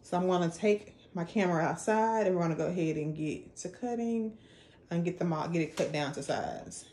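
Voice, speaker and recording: A woman with a low voice talks through a home project step by step in a relaxed, chatty way. Her voice rings around a bare bedroom with lots of echo, and a faint hiss sits underneath. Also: fairly quick. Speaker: DIY vlogger. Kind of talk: casual how-to vlog. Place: bedroom with the bed moved away.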